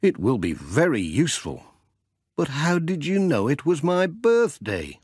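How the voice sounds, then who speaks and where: A man's voice: a little high, a little slow, husky, no echo, clean studio sound, voice pushed up, exaggerated voice. A man voicing a cheerful, mildly puzzled village postman in a children's storybook. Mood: grateful. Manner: friendly, mildly puzzled, animated.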